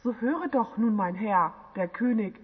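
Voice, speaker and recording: Woman reading as an earnest young warrior guy, husky, a bit higher, dull lo-fi sound w long reverb. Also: expressive, unhurried. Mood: pleading. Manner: earnest pleading read-aloud dialogue. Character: young male warrior calling out reproachfully. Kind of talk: audiobook dialogue reading.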